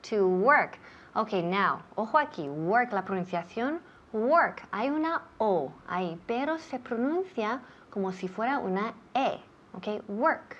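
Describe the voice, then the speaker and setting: A woman's voice: medium pitch, animated, measured pace, a bit bright. Patient woman teacher drilling pronunciation. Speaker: English teacher. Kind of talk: bilingual language lesson. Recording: dull lo-fi sound.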